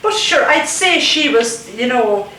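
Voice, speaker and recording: A woman's voice: high voice, lively intonation, measured pace, sharp tone. A middle-aged woman with a west of Ireland accent, chatting casually and exclaiming often in a home kitchen. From Galway, west of Ireland. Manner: exclamatory, chatty, sprinkled with 'love' and 'God'. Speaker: nurse, hostess at home. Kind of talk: casual family kitchen chat. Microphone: camcorder across the table. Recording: echoey noisy home camcorder, distant mic.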